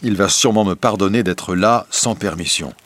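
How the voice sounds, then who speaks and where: A man's voice: low-pitched, moderate pace, a bit bright, a little hiss or hum. A man reading a humble, frightened old merchant. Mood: musing. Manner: pleading, humble. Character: poor frightened old merchant, a loving father.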